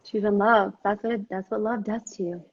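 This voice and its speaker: A woman's voice: medium pitch, steady tone, normal speed, husky, highs cut off. A woman in her forties chatting casually as a guest on a live stream, upbeat and full of "like" and "um". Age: 40s. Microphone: remote call audio.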